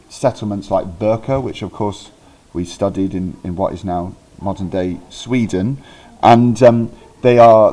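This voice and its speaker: Speaking in a low, mellow voice, a laid-back man from Wales talks through history the way a teacher would at his desk, in an informal recorded lesson. Frequent ums, restarts and self-corrections of dates or words punctuate his unscripted, friendly, easygoing chat.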